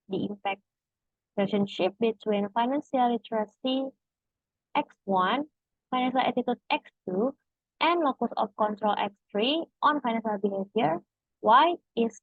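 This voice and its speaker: A young woman with an Indonesian accent formally presents academic research results in a halting, hesitant way, as a student at a thesis defense. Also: on the high side, dry recording. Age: young adult. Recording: dull, muffled lo-fi audio.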